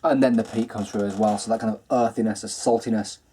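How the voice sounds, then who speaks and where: A man hosting a casual whisky review video, talking in a relaxed, chatty way with lots of ums and kinds of. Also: lowish voice, quick pace, a little hiss or hum.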